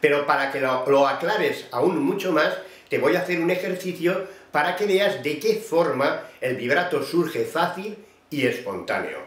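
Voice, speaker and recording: Male voice coach explaining vocal exercises patiently to a student; slightly high speaking voice; roomy, echoing space. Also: lively intonation, moderate pace. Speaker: voice teacher. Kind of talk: vocal technique lesson.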